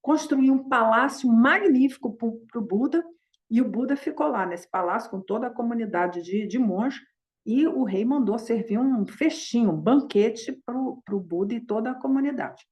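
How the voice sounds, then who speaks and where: A woman leads a dharma talk by retelling an old story. She speaks informally, with frequent fillers and restarts. Her voice sits somewhat high. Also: moderate pace, darkish tone. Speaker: Buddhist dharma teacher.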